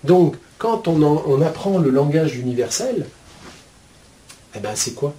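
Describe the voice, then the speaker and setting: Chatty man with a lively, mellow voice. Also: on the high side, a little slow. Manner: colloquial, full of "hein" and "euh" fillers; chatty, explains with homely metaphors. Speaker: spiritual teacher. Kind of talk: casual spoken teaching to viewers.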